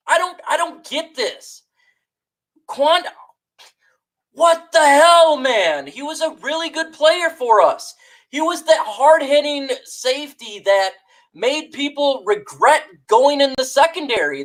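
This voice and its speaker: A woman live-streaming a fired-up, exasperated rant to her chat, shouting out viewers between complaints. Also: high voice, low-quality recording. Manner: reads out chat shout-outs.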